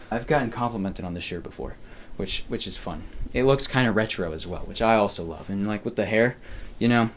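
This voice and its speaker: A man's voice: fairly low pitch, slight background noise. A male podcast host giving casual, chatty style advice, talking straight to the viewer with upbeat, self-deprecating asides.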